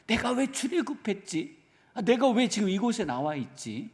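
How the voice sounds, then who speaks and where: A man's voice: high voice, big pitch swings, normal speed, big-room sound, voice pushed up. A man voicing a weary Israelite wanderer who complains and wants to turn back. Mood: whiny. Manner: whining, complaining. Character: grumbling weary Israelite wanderer, male adult.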